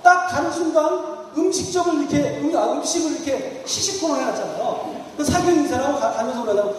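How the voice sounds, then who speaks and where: Recorded from far off in an echoing hall before an audience, a man with an extremely high pitch talks fast during an interactive church seminar, with a little hiss or hum in the audio. He addresses people by title as he quizzes them and dramatizes quoted lines in his anecdotes.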